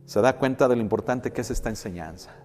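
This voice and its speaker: A man's voice: mid-range voice, quick pace, darkish tone, big-room sound, soft background music. A man preaching a sermon as a pastor, asking rhetorical questions and calling his listeners brothers. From Mexico.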